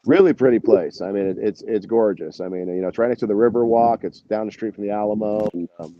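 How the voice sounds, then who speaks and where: An American musician from a band rambles casually in an interview, his talk peppered with "you know" and "man." He speaks fast in a fairly low, dark voice, and the muffled recording has a bit of hiss or hum.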